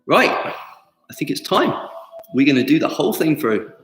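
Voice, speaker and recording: A man's voice: a little high, big pitch swings, normal speed, heavy background noise. A man in his fifties talking casually and conversationally to online students as an instructor, in an indoor studio. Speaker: tai chi instructor. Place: indoor martial arts studio with wooden floor. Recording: echoey hall, faint background music.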